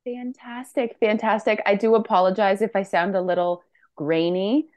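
A woman's voice: mid-range voice, steady tone, moderate pace, a little mellow, dry recording. A bubbly woman on a grainy video call, a dietitian chatting as a guest while short on sleep. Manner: bubbly, laughs often. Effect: grainy video-call audio. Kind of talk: casual chat.

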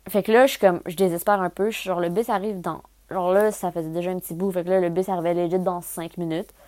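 Young Québécois woman, lively storyteller slipping into English, dry booth sound. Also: on the low side, fast, no echo. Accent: Québécois French. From Quebec, Canada. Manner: animated, mixes in English words. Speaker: travel podcaster. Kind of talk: casual storytelling.

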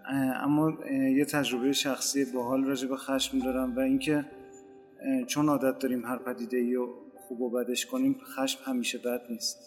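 A man telling a personal anecdote in a round-table podcast, relaxed, with many hesitant fillers. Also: medium pitch, long reverb tail, faint music behind. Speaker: podcast guest.

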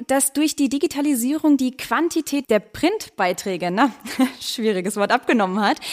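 A woman with a fairly high voice moderates a podcast panel. She thanks her guests politely and moves on to pointed questions. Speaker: host and moderator.

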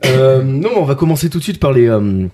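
A man's voice: mid-range voice, expressive, a little fast, dark tone. Punning man hosting a podcast. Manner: playful, full of puns and wordplay. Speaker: podcast host. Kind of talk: casual chat.

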